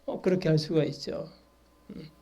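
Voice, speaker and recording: A pastor in a church hall explains scripture in a Bible study sermon. His voice sits slightly high for a man. He reads verses, then presses his listeners with frequent questions to keep them engaged. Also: steady tone, moderate pace, dark tone.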